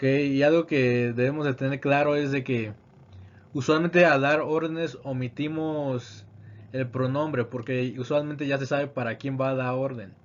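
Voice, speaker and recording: A man teaching English grammar, reading example sentences slowly and then translating them. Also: mid-range voice, highs cut off. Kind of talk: grammar lesson explaining examples.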